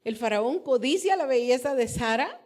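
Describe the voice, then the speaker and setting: A woman pastor preaching a fervent sermon at a women's conference, reading Bible verses slowly and building to loud, emphatic passages. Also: high-pitched, expressive. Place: church.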